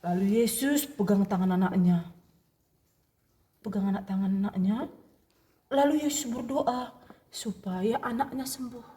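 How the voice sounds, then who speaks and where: A woman, a religious sister, telling a Bible story to children in a slow, expressive way and addressing them directly. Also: mid-range voice.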